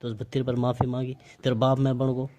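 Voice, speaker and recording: In this amateur recording of a private call, a Mewati-accented man argues with reproach, asking pointed questions one after another. He speaks fairly quickly in a mid-range monotone over a noisy background.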